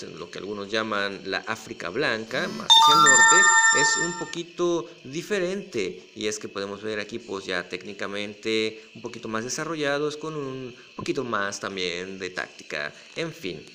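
A man with a hoarse, raspy voice hosting a football recap, talking in a colloquial way as if to pals. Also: mid-range voice, a bit bright, a little hiss or hum. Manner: colloquial, addresses fans as pals. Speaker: football commentator, host. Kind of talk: football match recap commentary.

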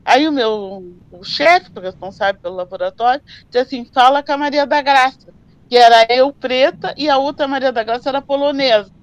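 An older woman, recalling her working life in an oral history interview and telling her stories in an animated way. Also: high-pitched, normal speed, no room sound. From southern Brazil. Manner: animated storyteller who acts out dialogues. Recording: slightly dull, dry recording.

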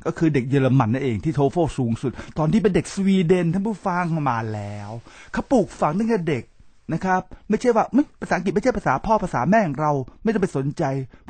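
A man's voice: a little high, dark tone, breathy edge, no room sound. A middle-aged man hosting a talk show, lecturing his listeners in a preachy way and often stopping to address them and spell out English terms. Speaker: podcast host.

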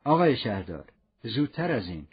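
A stern, unbending police inspector, read by a man with a husky, lively voice that sits a little low. He speaks gravely and formally, pressing his point. The audio is dull and lo-fi. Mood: grave, insistent. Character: stern male police inspector, rigid and self-punishing.

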